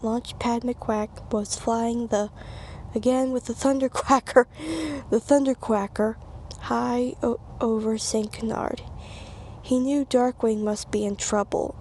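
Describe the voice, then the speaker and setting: A woman's voice: on the high side, fairly even intonation, a little slow, warm tone, slight background noise. A woman reading a children's storybook aloud, stumbling and repeating phrases, with casual asides. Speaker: reader.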